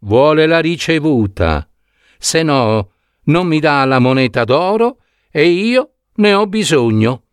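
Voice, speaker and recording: A worried young courier , as a male storyteller puts him on, asks nervous questions in a voice with lively pitch. The reading is dry and close, like a storybook told at the table. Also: takes it slowly, clear, resonant tone, no echo. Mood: anxious. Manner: anxious questioning.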